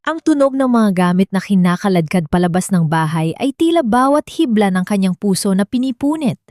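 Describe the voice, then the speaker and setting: A woman with a Filipino accent narrates a dramatic scripted story in a fairly low, slightly mellow voice. The recording is dry and studio quality.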